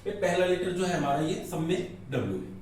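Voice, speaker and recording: A man's voice: high voice, animated, fairly quick, a little mellow, slight background noise. Male grammar teacher who poses questions and answers them, recorded from a distance in a very echoey room. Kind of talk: classroom lecture explaining in Hindi.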